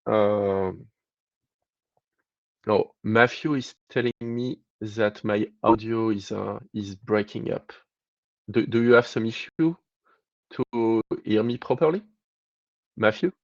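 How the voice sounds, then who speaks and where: A lower-pitched man gives halting status updates to an online meeting, stopping often on fillers and restarts. His video-call mic clips and distorts, and the sound is dull and dry with no room around it. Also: no echo. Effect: clipping, distorted mic audio that breaks up. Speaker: working group chair.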